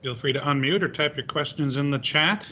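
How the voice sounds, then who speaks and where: A man's voice: on the high side, fairly quick, pushed and bright, highs cut off. A man hosting a user group online meeting, casually moderating questions and chatting. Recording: online meeting audio with faint noise.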